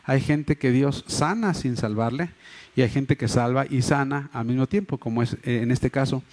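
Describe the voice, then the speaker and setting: A man at medium pitch and moderate pace, his voice a little mellow, preaches as a pastor. His accent is Mexico City Spanish, and his earnest explaining comes with frequent fillers and restarts. It's recorded in a church hall via a livestream microphone.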